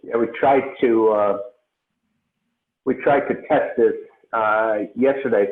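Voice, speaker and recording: A man's voice: on the low side, fairly even intonation. Guy on a call sounding like he's in a tunnel, echoey tinny line, lots of uh's while he presents. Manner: hesitant, many filler pauses. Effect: echoing tunnel sound, as if underwater. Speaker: presenter at a meeting. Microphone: remote call from a computer.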